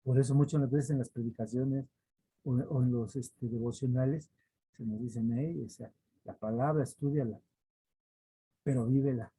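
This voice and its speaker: A man's voice: medium pitch, steady tone, normal speed, long pauses, warm tone, breathy edge, low-quality recording. A man preaching a weekly devotional, earnest and repetitive for emphasis, sometimes acting out quoted voices. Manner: earnest, repeats phrases for emphasis. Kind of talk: devotional teaching.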